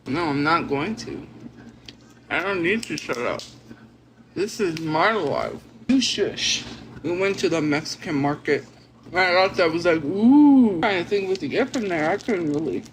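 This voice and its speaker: A woman's voice: fairly low pitch, animated, unhurried, slight background noise. A woman streamer chatting casually with her viewers and reacting to their comments. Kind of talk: casual livestream chat.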